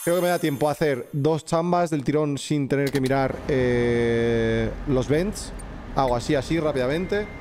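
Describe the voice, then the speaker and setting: A man doing live gameplay commentary, excitable, swearing and shouting at the game while talking to his chat. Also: medium pitch, unhurried. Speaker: streamer. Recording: game music behind the voice.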